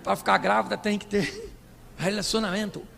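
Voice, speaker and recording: A man voicing a blunt, sassy young Mary in a quick comic delivery, in an echoey hall. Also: sits high, sing-song, vocal fry, fairly bright tone, slight background noise, heavily acted.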